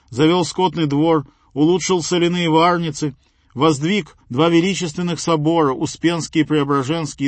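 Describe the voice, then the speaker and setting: A man's voice: medium pitch, dry recording. Solemn man narrating, dry close sound. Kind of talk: scripted narration of a saint's life.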